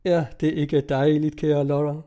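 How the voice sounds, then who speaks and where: A man's voice: a little high, flat delivery, warm tone, natural voice. A man reading aloud, voicing a forthright young naval officer in an old-fashioned storybook. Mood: cheerful.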